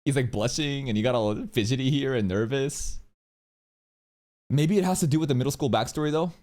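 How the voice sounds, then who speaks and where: A man's voice: medium pitch, brisk, darkish tone. A young man giving casual anime reaction commentary in a slangy, sweary manner.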